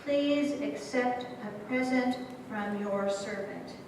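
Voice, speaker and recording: A woman reading scripture aloud formally in a church service, with a measured, deliberate delivery. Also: on the high side. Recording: echoey hall from far off, faint noise.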